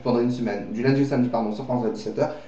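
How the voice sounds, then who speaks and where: On a webcam recording that sounds dull and echoey, with a bit of hiss or hum, a man presents a home-made mock news bulletin. His mellow, mid-range voice keeps a steady tone as he races along, rambling, joking and frequently correcting himself.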